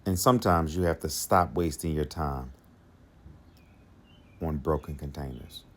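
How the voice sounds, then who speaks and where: Rumbling low and unhurried, a podcast host talks through dating advice in a casual solo monologue. He keeps repeating his key lines for emphasis and lets out little chuckles to himself.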